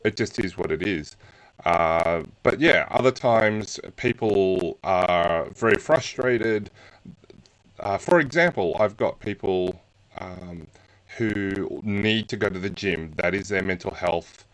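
Very low-voiced man, hesitant. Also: low-quality recording. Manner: hesitant, many "um" pauses. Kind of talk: conversational podcast interview.

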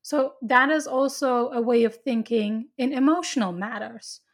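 A woman's voice: on the high side, moderate pace. A woman chatting casually, earnestly explaining her spiritual beliefs at length with frequent restarts.

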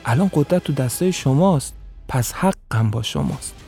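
A man's voice: medium pitch, expressive, vocal fry, mellow, soft background music. A man voicing a wary, deferential male guest of the tribe who answers carefully in an audio story.

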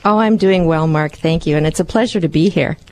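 A woman's voice: low voice, fairly quick, a little mellow, slight background noise. A woman who is a guest in a radio studio, speaking carefully and with some fillers. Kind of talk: radio interview and read prayer.

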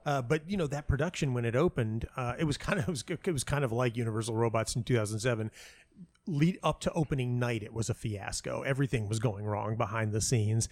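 The recording is dry, and the man speaks fast with a medium pitch and a darkish tone. Being interviewed as a playwright and audio dramatist, he gives casual, rambling answers and keeps interrupting himself while telling stories.

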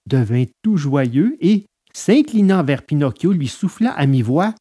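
A man narrating a storybook in an animated, expressive way. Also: fairly high pitch, unhurried, breathy edge. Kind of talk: storybook reading.

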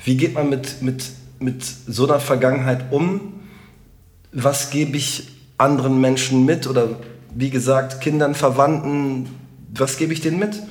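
A middle-aged man with a Rhineland German accent, a comedian chatting as a podcast guest in an animated, joking and emphatic way. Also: medium pitch, a little slow. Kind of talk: casual podcast conversation.

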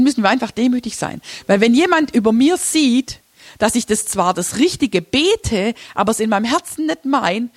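A woman's voice: a little high, no echo. A woman giving an informal church workshop from slides, chatty and casual, often laughing and restarting her sentences. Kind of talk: casual teaching talk with slides.

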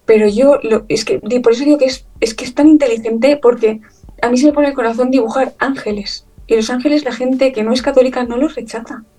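Woman from Chile, interview guest; a bit high-pitched, emotional, chatty storyteller, slightly off-mic. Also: a little fast, recorded from a distance, rough recording. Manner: emotional, animated storytelling with many fillers and laughs. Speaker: guest, illustrator. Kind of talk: conversational interview.

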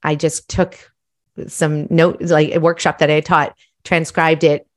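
Woman guest, middle-aged, from Malawi; deep-set voice; lively, reflective storytelling. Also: measured pace. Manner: animated, self-reflective storytelling. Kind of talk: casual storytelling.

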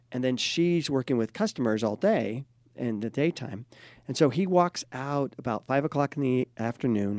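A man who is a couples therapist and host, chatting casually and telling a client's story with lively acted-out quotes. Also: mid-range voice, no echo, clean studio sound.

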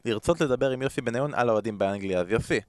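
A man's voice: mid-range voice, clear, resonant tone, dry recording. A man with an Israeli accent hosting a podcast, chatting casually with questions and teasing banter. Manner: joking, teasing. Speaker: podcast host.

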